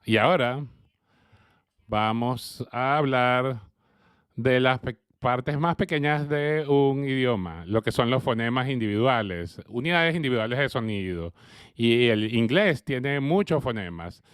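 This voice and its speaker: A man interpreting an early childhood education lecture, speaking slowly and haltingly with frequent fillers. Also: medium pitch, lively intonation, smooth, no echo, studio quality. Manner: hesitant, with frequent fillers and uneven pace.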